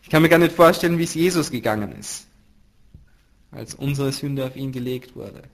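A man teaching a Bible study in sermon style, earnest and emphatic, swinging from loud stresses to hushed drops. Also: medium pitch, normal speed.

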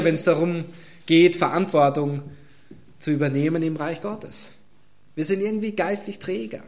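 A pastor preaching, expounding a Bible passage and speaking directly to his congregation. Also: a little high. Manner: addresses congregation directly, emphatic Bible exposition. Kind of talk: sermon.

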